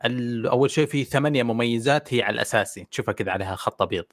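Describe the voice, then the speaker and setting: A man's voice: mid-range voice, very fast, no echo. A man in casual chat, teasing and questioning his co-host, explaining plainly.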